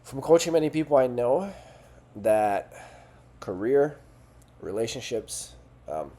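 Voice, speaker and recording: A man's voice: medium pitch, lively intonation, slow pace, warm tone. A man talking as a fitness and life coach, in an earnest, conversational way with frequent rhetorical questions. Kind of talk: coaching talk to camera.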